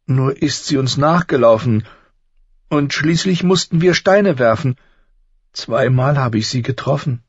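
A man voicing a tearful, fierce young girl who blames herself, speaking high and pleading through sobs. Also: lively intonation, measured pace, husky, no room sound, muffled recording. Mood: upset. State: crying.

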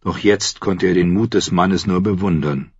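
A man narrating a fantasy audiobook in a measured storytelling manner. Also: sits low, a little mellow, husky, no echo. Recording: dull dry audiobook recording.

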